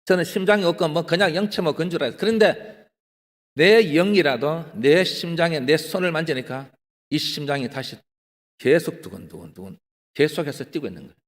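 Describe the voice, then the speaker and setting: A man's voice: fairly high pitch, a little fast. A male pastor with a Gyeongsang accent, preaching a testimony sermon and calling out to the congregation. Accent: Gyeongsang Korean. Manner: animated, often addresses the congregation, acts out his own excited pleading. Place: prayer retreat hall. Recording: long hall reverb.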